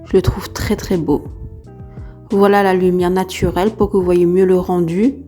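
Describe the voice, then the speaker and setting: Over soft background music, a beauty vlogger casually reviews a product to camera, chatty and enthusiastic with repetitive emphasis. Her fairly low, mellow voice has little pitch movement and a moderate pace, but it's unsteady and giving out after a heavy cold.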